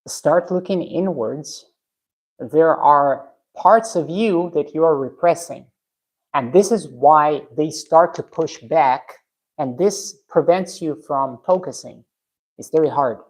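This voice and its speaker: Speaking slowly in a low, slightly mellow voice, a woman from Russia chats on her live stream from her garage and responds to viewer comments. The audio is poor, and she comes across as frank and blunt, with frequent restarts.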